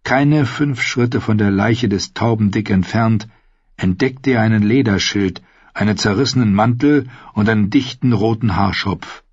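Low husky male audiobook narrator. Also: unhurried, dry recording, dull audio.

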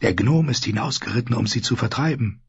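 A man voicing a deferential knight who reports to a queen in a low, subdued way, in an audiobook. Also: animated, brisk, creaky, husky, no room sound, full character voice. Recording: slightly dull lo-fi audio.

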